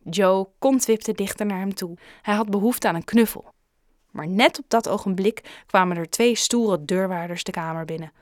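Female audiobook reader, calm storybook narration, dry close sound. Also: medium pitch, moderate pace, no room sound.

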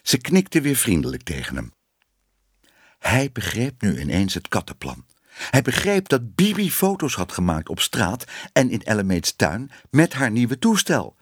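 A man reading a children's story aloud with an expressive storytelling voice. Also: lowish voice, a little slow, slightly rough, dry recording, studio quality. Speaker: narrator.

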